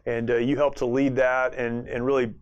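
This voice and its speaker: A man's voice: mid-range voice, level tone, normal speed, smooth, dull audio. A male podcast host who introduces his guest and asks questions in a friendly, conversational way. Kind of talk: casual interview hosting.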